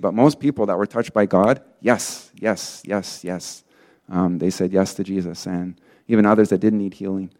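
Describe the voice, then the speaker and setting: Male preacher, lower register, relaxed testimony style with filler words and animated quotes. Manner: casual storytelling, many fillers; acts out quoted people in lively bursts. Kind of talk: sermon testimony.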